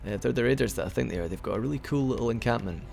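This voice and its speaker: A man's voice: mid-range voice, very fast, creaky, darkish tone, faint music behind. Chatty man commenting on a game. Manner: chatty and rambling, with frequent restarts. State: hiccuping. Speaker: let's play commentator. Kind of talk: casual gameplay commentary.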